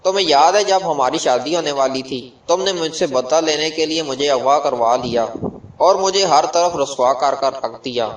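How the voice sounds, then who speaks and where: Man narrating a drama recap, echoey and distant. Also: on the high side. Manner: steady, earnest narration that addresses viewers directly. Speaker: channel host recapping a TV drama. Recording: echoey room, voice far from the mic.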